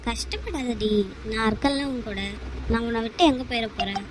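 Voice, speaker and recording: A woman's voice: fairly high pitch, brisk, a little hiss or hum, natural voice, poor audio. A woman voicing a caring, protective young man in a cartoon, coaxing and reassuring.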